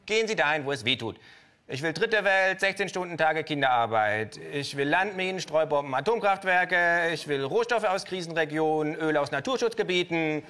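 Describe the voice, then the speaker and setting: A man voicing a brash, cynical male kangaroo who talks to a bank advisor in a shrill, gleeful, pushy way. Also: expressive, moderate pace, sharp tone, clean tone.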